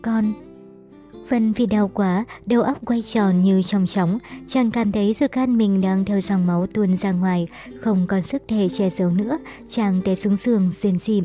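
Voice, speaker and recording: A woman reading a novel aloud in a steady, even storytelling manner. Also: medium pitch, normal speed. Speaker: audiobook narrator. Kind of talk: scripted novel narration. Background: faint music.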